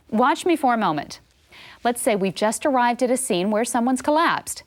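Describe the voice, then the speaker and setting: A woman giving scripted CPR instruction, calm and clear, coaching step by step. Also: fairly high pitch.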